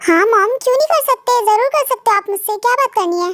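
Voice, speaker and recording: Girl doing a whiny young guy begging his mom, high voice, dry sound. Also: animated, fast talker, a bit bright, dry recording. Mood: pleading. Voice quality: whiny, pleading. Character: young man dodging an arranged marriage.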